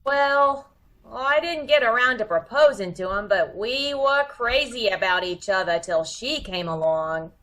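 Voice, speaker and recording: A woman performs a lovesick, hot-headed female crook from an old-time radio mystery. She talks slangy and melodramatic, drawing her words out at an unhurried pace. Her pitch leaps all over. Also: expressive, a bit bright, low-quality recording. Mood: indignant. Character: cute, tough, lovesick female would-be killer, excitable gangland moll.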